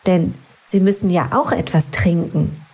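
A woman voicing a kind, cosy female worm in a children's storybook, talking in a caring, gently chatty way. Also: lowish voice, unhurried, husky. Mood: musing.

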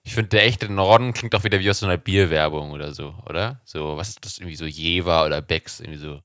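Low-voiced man telling a story. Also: fast talker, a bit bright, dry recording, studio quality. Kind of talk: casual chat, podcast.

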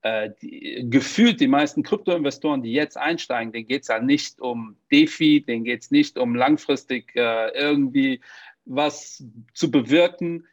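A man who grew up in Portugal hosts a podcast, chatting casually in an interview with plenty of fillers and jokes and telling stories in a lively way. His voice is medium-pitched and his pace measured. The recording is dry and the audio dull.

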